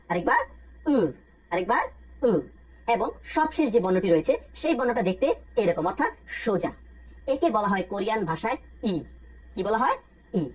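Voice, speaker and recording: A woman's voice: medium pitch, husky, rough recording. A woman with a Bangladeshi Bengali accent teaching a language lesson, patiently repeating sounds in drills and asking questions that she then answers herself. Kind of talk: step-by-step spoken lesson with repetition drills.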